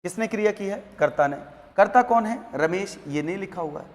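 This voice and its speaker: A man's voice: sits high, lively intonation, moderate pace. A man teaching a Hindi grammar class, asking questions and answering them himself. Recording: long hall reverb.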